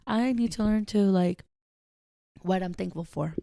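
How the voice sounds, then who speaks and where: A woman's voice: mid-range voice, a little slow, creaky, warm tone, no room sound. A woman co-hosting a casual podcast chat with a sore, dry throat, dropping Spanish words into her talk. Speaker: podcast co-host.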